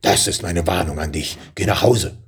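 A man's voice: low voice, moderate pace, slight background noise, pitched below the performer's own voice. A man reading a storybook, voicing a huge, wary fire-breathing dragon that speaks in a threatening, brusque way. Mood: menacing.

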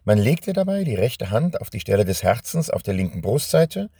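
Gravelly-voiced man reading a story aloud. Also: on the low side, moderate pace, no echo. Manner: calm, expressive reading; slips and apologizes. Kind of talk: read-aloud children's story.

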